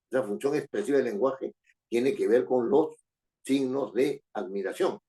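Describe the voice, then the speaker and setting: A man's voice: medium pitch, darkish tone. A man with a Peruvian Spanish accent lecturing a class, often tagging his sentences with rhetorical questions and repeating phrases. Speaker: teacher.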